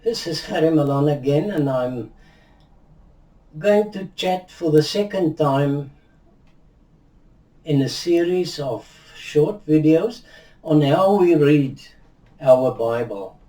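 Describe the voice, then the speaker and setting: This unhurried video teaching features an older Bible teacher, a native Afrikaans speaker, set against a virtual backdrop indoors. He talks slowly in a mellow, fairly high, expressive voice, reflective and measured, with many restarts and hand gestures. Distant recording leaves a roomy echo.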